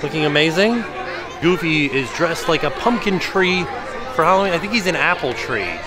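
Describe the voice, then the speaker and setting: A man's voice: a little high, moderate pace. A man around his forties with an American accent, chatting casually and upbeat as a vlogger into a handheld camera. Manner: animated, upbeat. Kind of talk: casual chatty vlog narration. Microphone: handheld camera at arm's length. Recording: busy crowd noise behind handheld camera.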